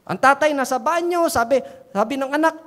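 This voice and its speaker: A woman's voice: high voice, fairly quick. A woman pastor preaching a sermon, telling everyday stories and often prompting the congregation to answer back. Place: church sanctuary. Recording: long church reverb.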